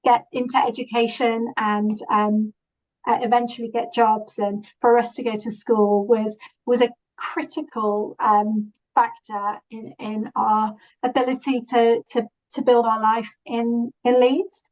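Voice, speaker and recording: A woman's voice: a little high, level tone, measured pace, low-quality recording. A woman with a Yorkshire accent, presenting to an online meeting in an earnest way with many fillers and restarts, heard over a video call. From England. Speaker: guest presenter.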